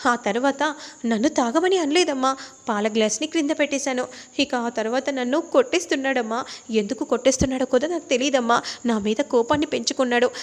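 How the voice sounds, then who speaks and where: A woman's voice: high-pitched, quick pace, natural voice. A woman voicing a young bride who pleads and complains to her mother. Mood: pleading. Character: young bride, tearful and accusing.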